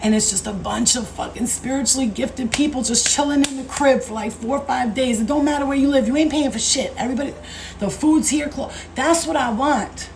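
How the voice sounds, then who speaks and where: A woman in her thirties hosting a casual livestream as a spiritual coach, talking in an animated, slangy way, swearing freely and calling viewers babe and baby. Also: high-pitched, fairly quick, creaky, slight background noise, low-quality recording. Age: 30s.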